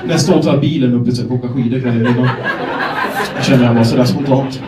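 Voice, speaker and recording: Young man, stand-up comedian, deadpan, self-deprecating, echoey room, heard from a distance. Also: medium pitch, very noisy. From Sweden, Gävle. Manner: deadpan self-deprecating storytelling, acting out dialogue. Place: comedy club stage.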